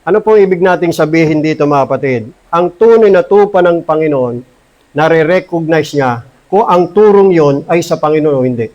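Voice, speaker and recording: A man with a Filipino accent, a pastor preaching an earnest, emphatic sermon in church and slowing down to read scripture. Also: a little high, lively intonation, darkish tone, muffled recording. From Philippines. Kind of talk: Taglish sermon with Bible reading.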